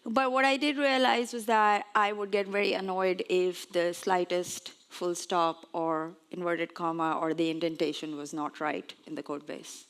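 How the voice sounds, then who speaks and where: A woman's voice: on the low side, flat delivery, unhurried, hardly any pauses, a bit bright, clean tone. A woman in her forties, originally from Pakistan, giving a conference talk on stage in a chatty, lightly self-mocking way. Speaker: conference speaker. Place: on stage before an audience.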